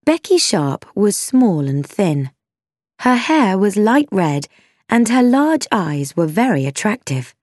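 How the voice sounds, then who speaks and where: A woman reading a simplified classic novel aloud, in clear, expressive storytelling narration. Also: medium pitch, slow, no room sound, clean studio sound. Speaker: audiobook narrator.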